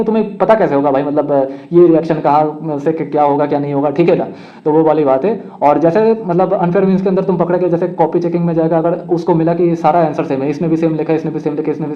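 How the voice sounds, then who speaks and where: A young man advising students in a frank, brotherly way, often checking in with the listener. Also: on the high side. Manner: frank, brotherly, keeps asking "ठीक है ना". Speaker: education counsellor. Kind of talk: casual explainer to students. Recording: slightly dull lo-fi sound.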